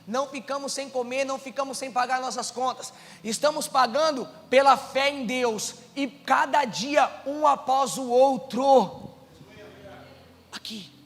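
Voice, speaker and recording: Brazilian male pastor, high bright voice, sermon with testimony, echoing church hall. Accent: Brazilian Portuguese. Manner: swings from hushed storytelling to shouted exhortation.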